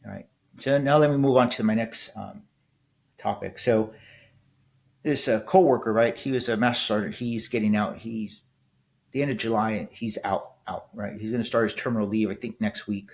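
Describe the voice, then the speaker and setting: A military veteran in his fifties hosts a casual solo podcast, speaking bluntly and rambling, restarting often and tagging points with "right?". His lowish voice is gravelly and a little mellow, steady in tone at a moderate pace.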